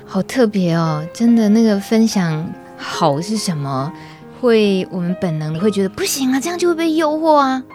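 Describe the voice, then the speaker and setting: A woman's voice: mid-range voice, sing-song, normal speed, darkish tone, faint music behind. A woman with a Taiwanese Mandarin accent hosting a podcast interview, adding short reflective remarks. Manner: brief, reflective comments and backchannels. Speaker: podcast host.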